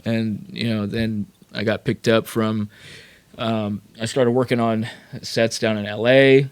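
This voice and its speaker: A man from California, a rapper and producer, telling his career story as a podcast guest in a loose, animated way full of fillers and swearing. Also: fairly low pitch, measured pace, clear, resonant tone. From Sacramento, California. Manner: animated, profane, lots of fillers. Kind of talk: casual storytelling.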